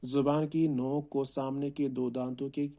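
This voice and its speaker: Man teaching recitation, warm and even, paces through each letter with check-ins. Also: medium pitch, vocal fry. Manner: explains slowly, then calls out each letter long and loud; often checks in with "right?". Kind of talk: teaching Arabic letter pronunciation.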